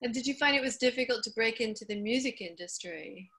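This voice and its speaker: Bright, higher-voiced woman host. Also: fast talker. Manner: long, rambling questions. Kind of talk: interview questions.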